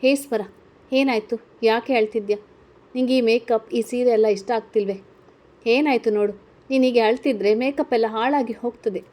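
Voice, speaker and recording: A glamorous, self-assured young college model, as a woman reader puts her on. The voice is fairly high, with a soft, mellow tone. She talks in a breezy, reassuring way with a touch of boasting. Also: fairly even intonation, normal speed, lightly acted. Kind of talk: storybook character reading.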